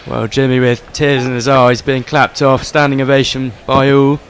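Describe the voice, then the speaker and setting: A man doing cricket commentary, describing the scene in a flat, even way. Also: mid-range voice, normal speed, slight background noise.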